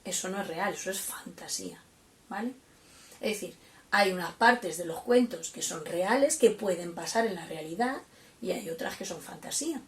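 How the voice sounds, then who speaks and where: A woman's voice: on the low side, lively intonation, moderate pace. A woman teacher giving a step-by-step lesson to young children, patiently explaining and asking them questions. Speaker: primary school teacher. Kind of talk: home-learning lesson for children. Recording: roomy, from a distance.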